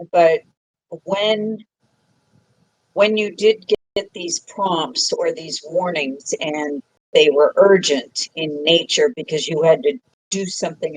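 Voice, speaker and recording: A woman hosting a psychic podcast, giving a frank, emphatic reading to a caller and scolding him gently. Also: fairly low pitch, dry recording, poor audio. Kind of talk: casual live call-in reading. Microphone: phone app recording.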